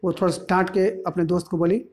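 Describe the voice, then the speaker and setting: A man's voice: sits high, steady tone, fast, darkish tone. A male teacher explaining a play, retelling and clarifying each line as he goes. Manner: retells each line in mixed Hindi and English, repeating and clarifying.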